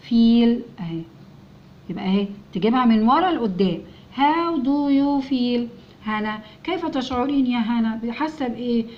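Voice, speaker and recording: An Egyptian-accented woman teaching English to young children, spelling out each letter sound and repeating words slowly and patiently. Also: on the high side, highs cut off, slight background noise. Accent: Egyptian Arabic. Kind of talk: step-by-step phonics lesson.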